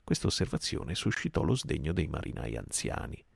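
A man giving a calm, measured audiobook narration meant for sleep. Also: a bass voice, vocal fry, husky, no room sound, studio quality. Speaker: audiobook reader.

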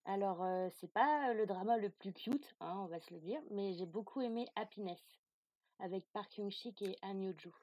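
A woman guest on a podcast, answering questions candidly, quickly and in a relaxed way. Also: medium pitch, no room sound, lo-fi sound. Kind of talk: casual interview answers.

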